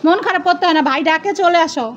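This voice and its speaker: A woman's voice: extremely high pitch, racing, muffled recording, crowd noise. A woman coaxing and playing with a toddler in a home video, in sing-song baby talk. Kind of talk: playful family vlog chat.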